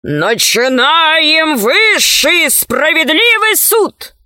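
A woman's voice: high voice, animated, takes it slowly, pushed and bright, no room sound, clean studio sound, exaggerated voice. A woman voicing a pompous fat male official who proclaims verdicts at a trial in a storybook reading. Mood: proclaiming.

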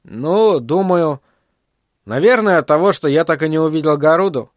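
A man's voice: on the high side, normal speed, dry recording, clean studio sound, pitched above the performer's own voice, natural voice. A man voicing a tired, gloomy adult man who speaks plainly in an audiobook. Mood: weary. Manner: weary, plain-spoken.

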